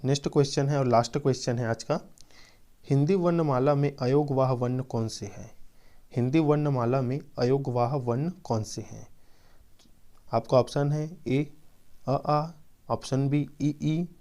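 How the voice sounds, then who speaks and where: A man running a quiz-style exam prep lesson, reading out options and explaining answers slowly with repeated reminders. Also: mid-range voice, fairly even intonation, dark tone. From Chhattisgarh, India.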